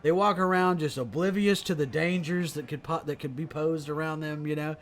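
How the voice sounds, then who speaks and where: Man, comedy podcast host, impressionist, rambling tangents, swears a lot, slightly high voice. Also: fairly even intonation. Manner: rambling, profane, fast tangents. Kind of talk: casual comedy podcast chat.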